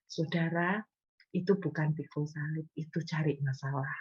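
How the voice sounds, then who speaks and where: A woman pastor preaching a sermon in an animated way, often acting out prayers in a raised voice. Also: low-pitched, moderate pace, slightly rough, lo-fi sound.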